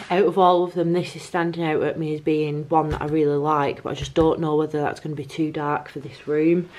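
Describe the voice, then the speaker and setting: A woman from the North of England speaks to camera from her living room in a casual home vlog. Her voice is low with a darkish tone, and she talks in a hesitant, musing way.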